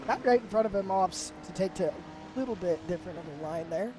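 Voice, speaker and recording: A man's voice: high-pitched, fairly quick, background noise. A man commentating a live sim race, upbeat and rambling with fillers, his voice worn from the flu. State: sick with flu.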